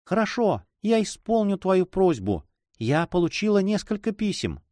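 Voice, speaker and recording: Anxious young noblewoman, read by a man, high-pitched and pleading, emotional storybook sister. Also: very animated, normal speed, dark tone, no echo. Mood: worried.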